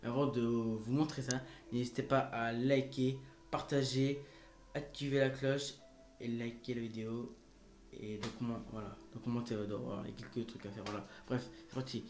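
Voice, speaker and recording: A man's voice: medium pitch, flat delivery, normal speed, a little mellow. A man hosting a casual gaming tutorial vlog, hesitant and rambling, with many fillers and restarts, recorded on a phone. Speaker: gaming video host.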